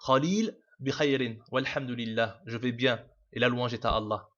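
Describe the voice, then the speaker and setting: A man's voice: medium pitch, moderate pace, a bit bright. A man teaching a casual video lesson, explaining patiently with many fillers, restarts and repeats. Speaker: Arabic teacher. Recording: dull lo-fi home recording.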